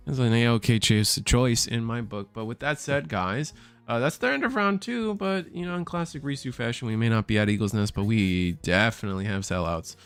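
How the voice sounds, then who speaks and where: A man casting a card game tournament live, thinking out loud and correcting himself as he talks. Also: mid-range voice, brisk, smooth, soft background music. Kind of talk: live play-by-play commentary.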